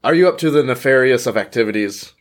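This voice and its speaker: A man's voice: mid-range voice, animated, quick pace, natural voice. A man voicing an earnest male orc adventurer who speaks in stilted, formal phrases.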